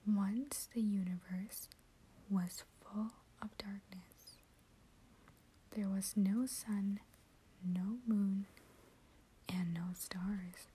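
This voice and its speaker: Female channel host, whispered ASMR storytelling, very slow delivery, breathy. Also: medium pitch, steady tone. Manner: soft whisper throughout.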